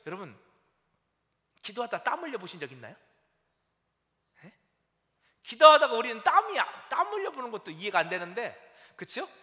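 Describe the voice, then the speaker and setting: High, bright-voiced man preaching a sermon. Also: normal speed, long pauses. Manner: animated, asks the congregation rhetorical questions. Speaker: pastor. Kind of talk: Sunday sermon. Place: church sanctuary. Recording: long church-hall reverb.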